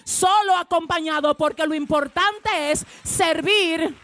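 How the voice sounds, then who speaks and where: A woman pastor preaching a sermon, calling on the congregation to repeat after her and swinging between hushed asides and loud proclamations. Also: very high-pitched, takes it slowly. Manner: preaching with call-and-response to the congregation.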